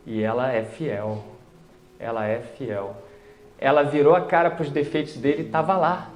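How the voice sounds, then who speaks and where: A man with a Brazilian Portuguese accent telling a personal faith story in a lively conversational way, acting out the dialogue as he goes. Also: medium pitch, normal speed, faint music behind. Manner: conversational, animated retelling with quoted dialogue. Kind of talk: storytelling testimony. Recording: roomy echo.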